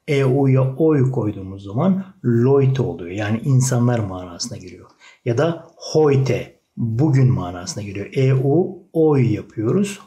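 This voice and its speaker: A man leads a German lesson with a lively, rising-and-falling delivery. He explains patiently and repeats each example word slowly, addressing his listeners as friends. His pitch sits in a middle register. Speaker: German language teacher. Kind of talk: online language lesson.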